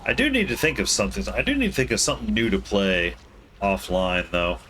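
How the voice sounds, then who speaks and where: Streamer, male, lowish voice, loose rambling commentary with self-corrections, faint room hiss behind. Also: expressive, brisk, a bit bright. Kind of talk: casual gameplay commentary.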